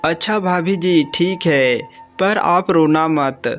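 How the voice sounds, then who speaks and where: A man's voice: fairly high pitch, slow, a bit bright, soft background music. A man playing a humble, caring young servant. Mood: concerned. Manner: polite and concerned.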